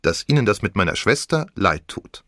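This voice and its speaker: A man's voice: on the low side, sing-song, moderate pace, bright, forceful tone, no room sound, studio quality, heavily acted. A man voicing a flippant, teasing girl of about seventeen in an audiobook, with theatrical, mock-dramatic speech.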